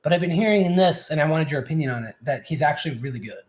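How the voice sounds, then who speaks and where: A man's voice: on the high side, animated, very fast. A man co-hosting a podcast, chatting casually and eagerly, with frequent "like.". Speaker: podcast co-host. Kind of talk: casual chat.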